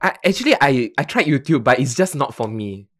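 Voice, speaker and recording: A young man talks as a podcast guest, earnest and agreeable. His voice moves a lot in pitch. He laughs easily. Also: very animated, brisk. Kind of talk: casual chat.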